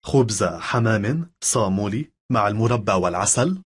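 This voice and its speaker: A man, reading lesson phrases in a measured, careful way. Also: lowish voice, lively intonation, slightly rough. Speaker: language lesson speaker.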